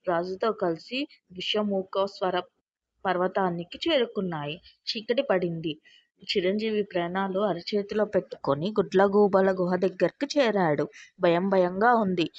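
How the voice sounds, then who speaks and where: A woman telling a moral story for children in a steady, even storytelling voice. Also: mid-range voice, no echo. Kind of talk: scripted storybook narration. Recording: dull lo-fi dry recording.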